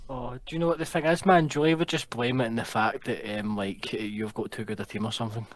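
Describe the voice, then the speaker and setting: A man's voice: medium pitch, steady tone. A Scottish man in cheeky, crude banter, co-hosting a gaming stream. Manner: cheeky, crude, quick-joking. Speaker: co-host.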